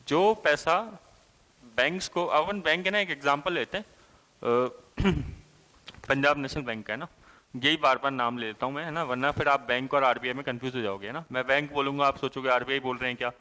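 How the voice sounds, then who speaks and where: A man's voice: fairly high pitch, pushed and bright, long reverb tail. A male teacher giving an exam-prep lecture, who asks questions and answers them himself and keeps checking with the class, "hai na?". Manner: explanatory, with frequent "thik hai" and "hai na" checks.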